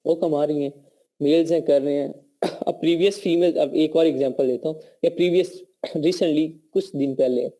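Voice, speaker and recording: A man's voice: fairly high pitch, steady tone, normal speed, mellow. A man with a Pakistani accent and a sore throat, teaching a live online course over a call and checking in with his students often. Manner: conversational teaching, frequent check-ins. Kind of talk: live online class lecture.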